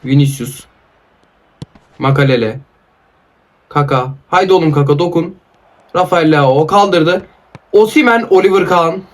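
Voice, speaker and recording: A man's voice: a little high, unhurried, long pauses. A man giving live commentary on a mobile football game, calling out player names and ranting at his opponent in exasperation. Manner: calls out player names in short bursts. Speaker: mobile football gaming YouTuber.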